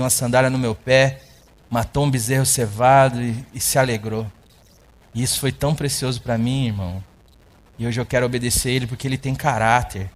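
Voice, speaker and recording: A male pastor telling a story in a sermon, animated, with sound effects and voiced dialogue. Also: mid-range voice.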